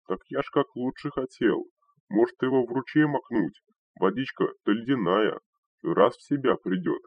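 A man's voice: low-pitched, normal speed, no room sound. A man voicing an eager, anxious male servant who pleads and placates, in a dull, dry recording. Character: anxious, eager male servant, fussing over his master.

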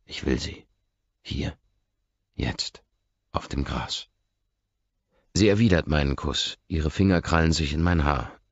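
A man narrating a novel in the first person, hushed and intimate. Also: a bass voice, slow pace, long pauses, no echo, lo-fi sound. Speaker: audiobook narrator.

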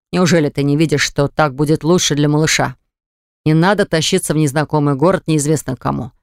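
A man reading an audiobook, voicing a stubborn young man who slowly and insistently presses his point. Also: smooth, no room sound, lightly acted. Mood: pleading. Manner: low, slow, persuasive and pressing. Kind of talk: audiobook character voice. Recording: dry close studio recording.

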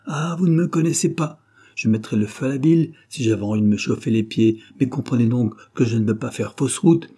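A sharp, sneering young man hungry for success, voiced by a male reader of an audiobook. The voice is pushed up and louder than the narration yet keeps a dark, husky timbre. He snaps with impatience and scorn. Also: fairly low pitch, lively intonation, moderate pace. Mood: petulant, scornful. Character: bitter ambitious young provincial man.

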